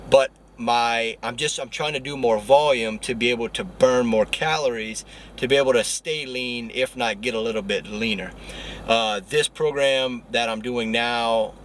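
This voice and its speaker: A young man talking quickly and chattily to the camera as a fitness vlogger. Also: medium pitch, a bit bright, slight background noise. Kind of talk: casual vlog talk. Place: gym.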